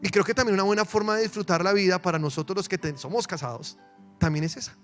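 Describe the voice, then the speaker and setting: Male pastor, high voice, animated church sermon, faint music behind. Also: quick pace. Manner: animated, swings between loud emphasis and soft asides. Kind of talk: lively sermon with acted-out quotes.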